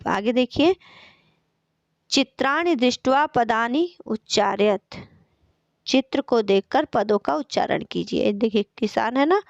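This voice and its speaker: A woman's voice: fairly high pitch, animated, measured pace, vocal fry, no room sound. A woman Sanskrit teacher explaining a school textbook lesson, reading out words and repeating their meanings patiently. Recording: dull lo-fi recording.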